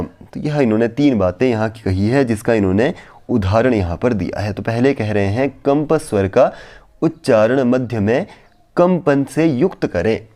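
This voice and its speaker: A male Sanskrit teacher with a warm, dark, medium-pitched voice gives an explanatory lesson on phonetics. He chants verses slowly, then patiently explains them in plain, repetitive Hindi.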